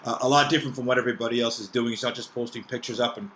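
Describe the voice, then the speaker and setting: A man's voice: mid-range voice, fairly even intonation, racing, a bit bright, a little hiss or hum, rough recording. A man co-hosting a podcast who chats casually with brief interjections and also reads a sponsor spot. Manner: laid-back, brief interjections. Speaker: podcast co-host. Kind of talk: casual chat and ad read.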